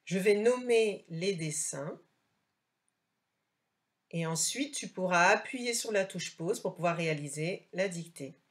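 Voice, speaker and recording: A woman teacher, recording a slow dictation lesson for a child and carefully articulating each word. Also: on the low side, animated.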